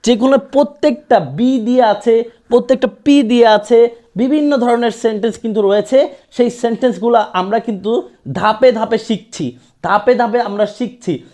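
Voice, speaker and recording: A woman, teaching an online pronunciation lesson. She explains at length, then repeats English practice lines very slowly. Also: a little high, dark tone.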